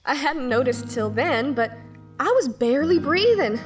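A young girl narrating her own story in a high, youthful voice. She sounds choked up, as if fighting back tears. It is an audio drama performance. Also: animated, normal speed, faint music behind. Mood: tearful. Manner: emotional, close to tears. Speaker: lead character and first-person narrator.

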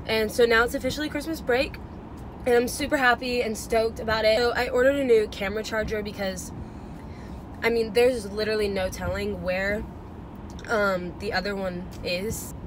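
A woman's voice: fairly high pitch, steady tone, normal speed, noisy background. A young woman vlogging in a chatty, rambling way, full of "um" and "like". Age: young adult. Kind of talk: casual vlog chat.

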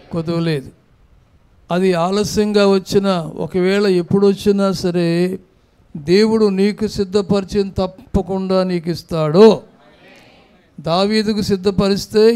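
A man's voice: sits high, a little mellow, smooth. A man preaching a sermon as pastor, with an Andhra Telugu accent, urging the congregation to answer aloud into a microphone in a church. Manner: exhorting congregation to respond aloud.

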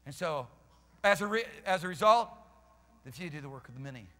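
The recording carries the long reverb of a church hall where a pastor in his fifties preaches an emphatic, fervent sermon live. He paces and gestures on a stage with band gear, speaking through a headset mic in a fairly high, animated voice that is brisk, pushed, and bright.

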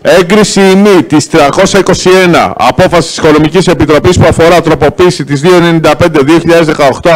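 Council president, male, a touch higher than average, formal procedural delivery, keeps calling for order. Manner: procedural, repeatedly calls for quiet. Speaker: council president chairing the meeting. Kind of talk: formal meeting chairing. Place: council chamber.

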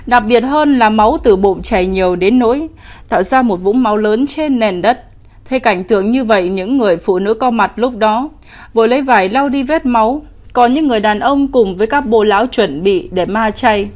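Woman telling a spooky story, steady read, voice a bit high. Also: moderate pace. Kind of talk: scripted ghost story narration.

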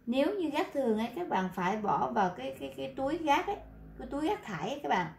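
High-pitched, very animated and racing, this Vietnamese teacher's creaky voice echoes around the room, with slight background noise. She explains beginner Korean vocabulary in class, addressing her students directly. She repeats words a lot and fills pauses with "à."

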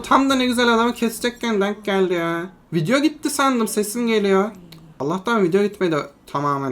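A young adult mobile-game creator narrates a match in a chatty, friendly way, as if talking to friends. The voice sits at a medium pitch and jumps into excited yelps and shouts in tight moments. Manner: excitable, bursts into yelps and shouting in tense fights; chatty, addresses viewers as friends. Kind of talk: live gameplay commentary.

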